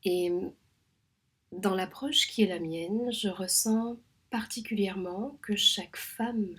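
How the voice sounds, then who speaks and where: Soft-spoken midwife from Réunion, husky voice. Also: female voice, mid-range voice. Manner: soft, measured, often half-whispered with many hesitations. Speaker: home midwife. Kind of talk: reflective spoken monologue.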